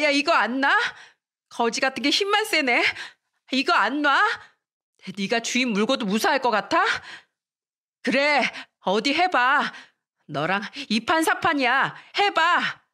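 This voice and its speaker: A woman doing a shrill, sneering rich schoolgirl bully. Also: animated, moderate pace, fairly bright tone. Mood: shrill anger. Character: spiteful rich schoolgirl bully, taunting and haughty.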